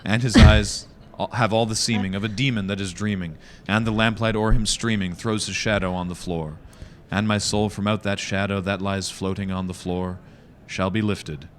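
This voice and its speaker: A man's voice: fairly low pitch, steady tone, normal speed, hardly any pauses, a little hiss or hum. A man giving a dramatic poetry reading with the hammy, declamatory delivery of a stage actor.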